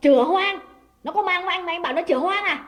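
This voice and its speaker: A woman doing a shrill, furious jealous mistress. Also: rapid-fire, big-room sound, close to an everyday voice. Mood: enraged scolding. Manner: shrill, abusive shouting. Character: furious jealous woman of the house, scolding and cursing.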